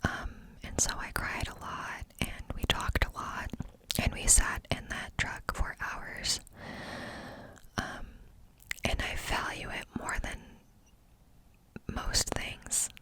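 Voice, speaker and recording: A woman's voice: slow, long pauses. A woman ASMR host telling a personal story in a confiding, candid, cupped-hand whisper, close up.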